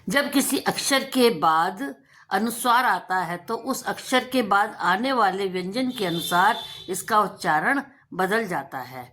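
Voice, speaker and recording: A woman's voice: mid-range voice, fairly bright tone. A woman teacher giving a lesson to children, drawing out example words and asking and answering her own questions. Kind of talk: slow, deliberate Hindi lesson for children.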